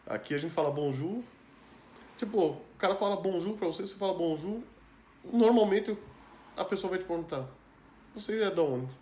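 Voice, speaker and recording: A man's voice: high-pitched, fairly quick, mellow, a little hiss or hum. A man from Brazil with a Brazilian Portuguese accent, telling a personal story in a loose, chatty way. He fills his talk with asides and tag questions and laughs often. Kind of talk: casual storytelling chat. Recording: roomy echo with faint ambience.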